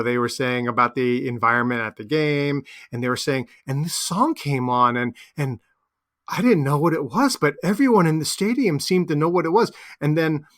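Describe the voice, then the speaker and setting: Bright-voiced man chatting casually. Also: medium pitch. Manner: relaxed, conversational, many fillers. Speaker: podcast co-host. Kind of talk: casual music chat.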